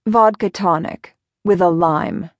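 A cool, sharp-tongued young woman brushes off advances with curt haughtiness, voiced by the woman narrator. Her lines come slowly and a bit low, with a dry, close sound. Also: dry recording.

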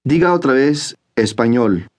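A man narrating a language course, giving calm, clear, measured instructions. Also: medium pitch.

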